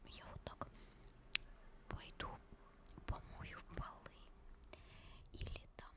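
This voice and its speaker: Whispering slowly and softly, a woman chats with her listeners in a casual, personal ASMR session. Her manner as host is tender, caressing, and breathy.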